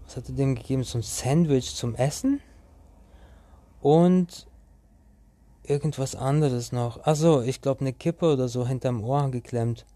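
A man's voice: mid-range voice, a little slow, warm tone, no room sound. A young man telling a story to his viewers in a casual, rambling way, full of slang and restarts.

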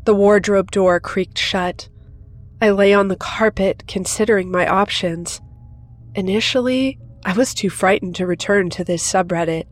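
A woman hosting a horror story channel, narrating in a steady, measured storytelling voice. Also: mid-range voice, faint music behind.

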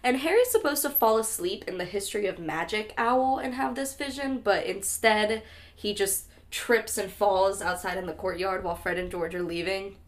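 A woman's voice: mid-range voice, moderate pace. A young woman co-hosting a podcast, chatting casually and animatedly, swearing now and then and laughing often. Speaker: podcast co-host.

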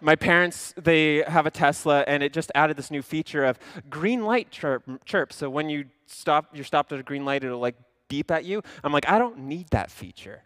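A young male pastor tells a story from the pulpit, dropping to low mutters and then rising to loud outbursts as he acts out his own thoughts. His voice sits fairly high for a man. The sound is dry and close, with no room echo. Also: normal speed, hardly any pauses, clear, resonant tone. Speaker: lead pastor. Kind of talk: animated sermon storytelling.

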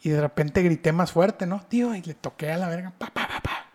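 Hombre mexicano de voz aguda contando anécdota. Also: male voice, fairly high pitch, a little fast. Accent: Mexican Spanish. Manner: animated storyteller, slangy, drops to whispers for suspense. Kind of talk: casual chat, storytelling.

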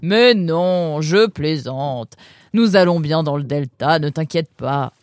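Woman doing a loud, teasing fox boatman. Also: low-pitched, animated, slow pace, no echo, clean studio sound. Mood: brisk. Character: fox boatman, adult male, gruff but teasing.

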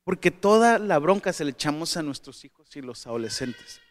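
A man giving a motivational talk to parents, animated and asking the audience questions, with asides and jokes. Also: on the high side, moderate pace. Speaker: speaker addressing parents.

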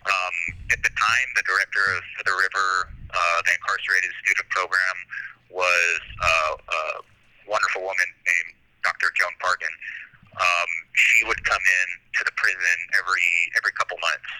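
A man calling in on a prison phone line as an incarcerated student, talking in a halting way with many ums and repeats. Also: low-pitched, fairly even intonation, bright, forceful tone. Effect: heard over a prison phone line.

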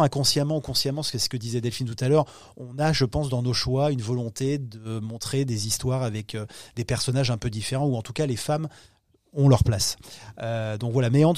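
A man's voice: mid-range voice, darkish tone, no room sound, clean studio sound. A man talking about upcoming films in a podcast interview, hesitant, with many fillers and restarts. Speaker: film distribution executive.

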